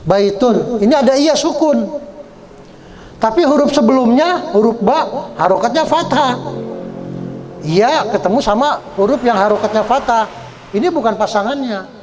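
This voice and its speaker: With lively intonation and a high, slightly mellow voice, a male teacher gives a Quran recitation lesson at a study gathering hall. He walks through things patiently step by step, frequently tacking on "ya," and stretches example words slowly as he chants. There's faint background noise.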